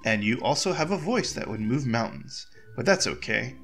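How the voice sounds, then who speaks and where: A courtly king who speaks formally and teases his daughter with dry wit, as a man reads the lines in a near-natural voice. He sounds measured and regal, a video-game monarch. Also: medium pitch, sing-song, a bit bright, faint music behind. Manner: formal, courtly, mildly teasing. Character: formal old king, dry teasing father. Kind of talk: reading game dialogue aloud.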